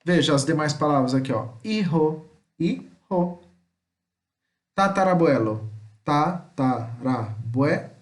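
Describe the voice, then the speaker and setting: A Brazilian man teaching Spanish vocabulary to students. He speaks Portuguese, repeats each word slowly and keeps checking in with "tá?". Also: a little high, expressive, reverberant. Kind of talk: recorded vocabulary lesson.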